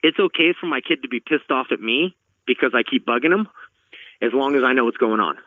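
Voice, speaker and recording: A middle-aged podcast host from Los Angeles, California chats earnestly in a casual conversation, often repeating words as he begins sentences. His mid-range voice is animated and brisk. The recording is dry, with phone-quality sound.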